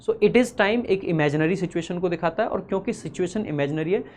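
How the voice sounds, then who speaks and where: A male teacher running an exam-prep grammar class. He explains at a brisk clip, then slows right down to read each example sentence with deliberate emphasis. He keeps asking questions and answering them himself, talking to students familiarly. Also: high voice, a little mellow, slight background noise. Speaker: English teacher.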